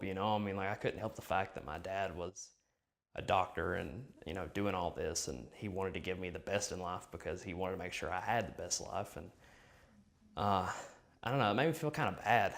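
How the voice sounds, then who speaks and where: Young man, very low voice, casual, hesitant interviewee. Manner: hesitant, many fillers.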